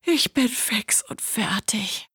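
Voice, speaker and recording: A woman voicing a tireless, overworked little female red hen in a storybook reading, with a high, eager voice. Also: sing-song, slow, dry recording, clean studio sound, full character voice. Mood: weary.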